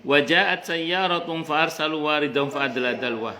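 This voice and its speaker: A man's voice: a little high, steady tone, moderate pace, sharp tone, a little hiss or hum. A male religious teacher giving a casual, joking study talk at a home gathering, sometimes reciting Arabic verses. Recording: roomy home recording with faint ambience.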